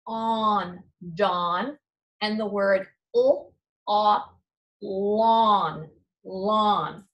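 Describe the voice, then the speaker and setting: A woman teacher giving a recorded reading lesson to young children, slowly spelling out words letter by letter and encouraging correct answers. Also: a little high, fairly bright tone, rough recording. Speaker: elementary school teacher.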